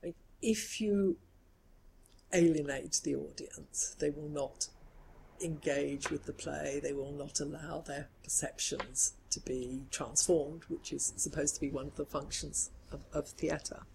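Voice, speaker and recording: Gravelly, mellow woman with faint hiss. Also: low-pitched, fairly even intonation, low-quality recording. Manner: measured, reflective, builds long sentences. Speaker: scholar. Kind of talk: academic discussion. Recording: faint background noise.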